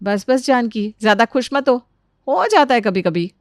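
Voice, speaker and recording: A woman voicing a calm, wise older mother-in-law in a cartoon story, speaking in a lower, soothing, advising way. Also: normal speed, no echo, studio quality.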